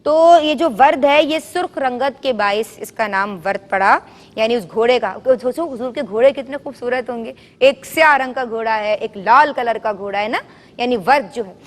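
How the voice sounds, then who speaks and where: High-voiced woman coaching a children's class. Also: big-room sound. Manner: quizzes children and has them repeat answers loudly. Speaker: children's show host. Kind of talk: teaching children in call-and-response. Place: television studio with children.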